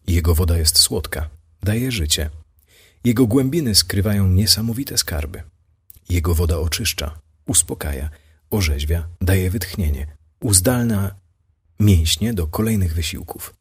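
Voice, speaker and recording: Man, very deep voice, husky and breathy, measured solemn reading, devotional program host. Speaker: radio host and Bible reader.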